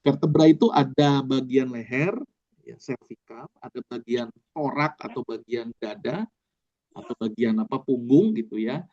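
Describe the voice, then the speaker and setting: A man's voice: medium pitch, normal speed, a little mellow, lo-fi sound. A man, a doctor, giving a casual online lecture, explaining step by step with frequent fillers.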